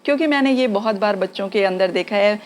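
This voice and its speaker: A woman teaching spoken English, slowly repeating example phrases for learners to copy. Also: medium pitch, a little hiss or hum. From India. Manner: slow drilled repetition of example phrases.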